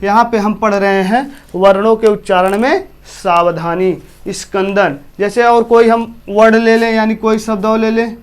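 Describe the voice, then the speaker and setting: Male teacher, eastern Uttar Pradesh accent; high, clean voice; repeats himself and questions the class. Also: fairly even intonation, normal speed, hardly any pauses, smooth. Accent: Hindi, from eastern Uttar Pradesh. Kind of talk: classroom lesson.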